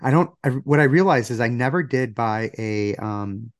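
A man with a gravelly voice, still recovering from illness, chatting casually as a podcast co-host. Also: mid-range voice, animated, moderate pace, dry recording, clean studio sound. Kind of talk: casual banter.

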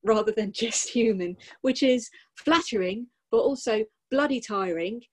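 A woman's voice: a little high, a little slow, darkish tone, husky. Thoughtful woman with a wry tone. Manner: thoughtful and wry, lots of ums. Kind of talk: casual chat.

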